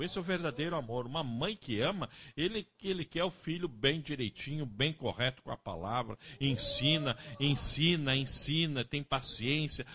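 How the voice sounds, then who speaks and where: A man's voice: mid-range voice, sharp tone. A man preaching a sermon, telling folksy stories with acted quotes and often adding tag questions.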